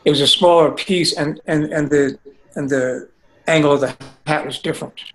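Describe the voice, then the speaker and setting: A man chats about his drawing during a group critique, agreeable and easygoing. His voice sits a little high. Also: fairly even intonation, normal speed, fairly bright tone, a little hiss or hum, low-quality recording. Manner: agreeable, laughs easily. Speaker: artist receiving critique. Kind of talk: casual discussion.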